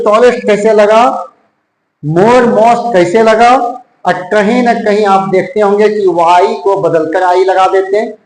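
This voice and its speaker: High-voiced indian teacher guy, hindi accent, repeats words slowly, roomy echo. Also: a little mellow. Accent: Hindi-accented English. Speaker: English grammar teacher. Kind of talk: classroom-style grammar lesson.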